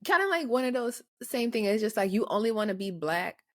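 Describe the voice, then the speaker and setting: An American woman chatting casually as a podcast co-host, reasoning in a halting, repetitive way. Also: fairly high pitch, big pitch swings. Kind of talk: casual chat.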